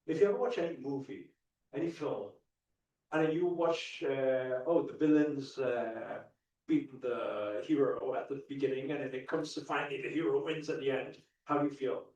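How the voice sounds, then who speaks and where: A young British motivational speaker gives a live stage talk in a large indoor event hall, earnestly asking the audience questions and often restarting his sentences. His mid-range voice has a darkish tone at normal speed. The hall is echoey and the mic sounds far away.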